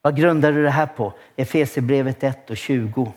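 A male pastor giving a church sermon, telling stories with lots of restarts and bursts of excitement. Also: mid-range voice. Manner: lively storytelling with frequent restarts and rising excitement.

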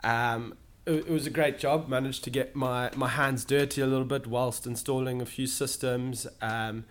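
A young man answers an interviewer's questions. He speaks in a steady, explanatory way and pauses now and then to find his words. He is recorded in an office. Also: mid-range voice, a little hiss or hum. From Zimbabwe. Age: young adult. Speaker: guest, solar sales manager. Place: office in London.

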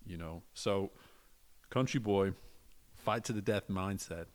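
A man with a very low voice hosts a podcast interview. He asks his questions in a measured, reflective way, building each one up slowly. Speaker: podcast host.

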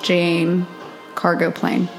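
Woman co-hosting a chat show, kinda low voice, rambly storyteller, faint music under it. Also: completely flat delivery, drawn-out words, gravelly. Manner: chatty, storytelling, self-interrupting. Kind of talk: casual chat.

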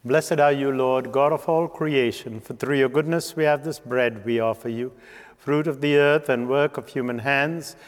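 Male priest, solemn liturgical recitation, measured phrasing, medium pitch, long cathedral-like reverb. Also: steady tone. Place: large reverberant church.

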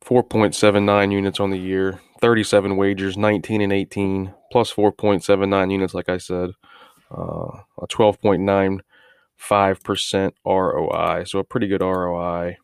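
A man with a fairly low, clean voice gives an informal solo recap as a podcast host. He often repeats words and restarts his phrases, pausing on filler words. The sound is close and dry. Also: creaky, smooth, no room sound. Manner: halting, frequent filler words. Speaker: sports betting podcast host.

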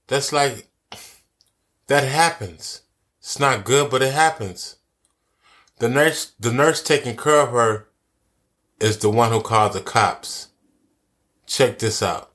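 A man's voice: medium pitch, slow, long pauses, fairly bright tone. A man giving angry social commentary, cursing a lot and repeating his key phrases for emphasis. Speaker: commentary vlogger.

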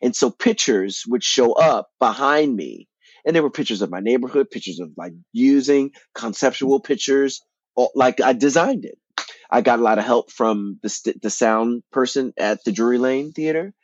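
A man, an actor and playwright, telling his story as an interview guest in an animated way, often repeating words and restarting. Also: mid-range voice, normal speed, no room sound, lo-fi sound.

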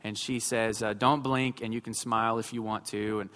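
A man's voice: fairly low pitch, level tone, normal speed, fairly bright tone. A pastor in his thirties preaching a sermon, mixing self-mocking humor with emphatic points. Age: 30s. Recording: long hall reverb with faint music.

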